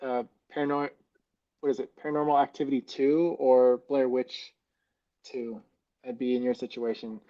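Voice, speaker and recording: Rambling loosely and leaning heavily on "like," a male co-host carries a casual chat in a mellow, mid-range voice at a moderate pace and level tone. An external mic plugged into a phone gives him a hollow, muffled, fishbowl sound.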